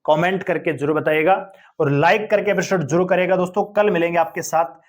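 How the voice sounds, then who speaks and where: Male tutor, high-pitched, chatty, quizzing listeners with rhetorical questions. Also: steady tone, a little fast. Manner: explains step by step with frequent rhetorical questions; addresses viewers as friends, conversational. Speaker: teacher. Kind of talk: exam-prep grammar lesson.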